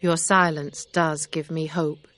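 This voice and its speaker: A woman reading aloud, voicing a kind, sincere gentleman in a low, measured tone. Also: level tone.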